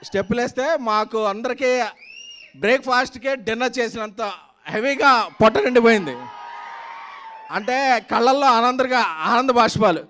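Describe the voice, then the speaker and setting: A man's voice pitched extremely high. He delivers a promotional speech at a film event in an emphatic, declamatory way. His phrases come in punchy, repeated runs that build up like slogans. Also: moderate pace, pauses often, sharp tone, slight background noise. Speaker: film producer giving a speech.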